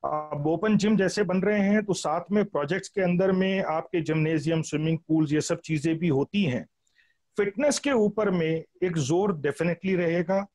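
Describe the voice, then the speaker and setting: A man's voice: a little high, a little mellow, no room sound. A man speaking as a panelist, explaining matters in a plain, matter-of-fact way. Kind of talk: panel discussion.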